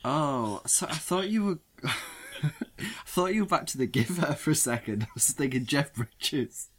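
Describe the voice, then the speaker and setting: A man's voice: fairly high pitch, animated, measured pace, a bit bright. A man co-hosting a casual podcast, joking dryly and leading the segments. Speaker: podcast co-host. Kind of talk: casual chat.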